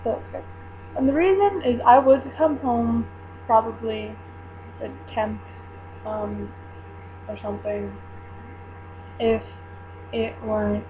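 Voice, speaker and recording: With mains hum in the background and the highs cut off, a young woman vlogger chats casually about her plans in a rambling, filler-heavy way. Her pitch is medium.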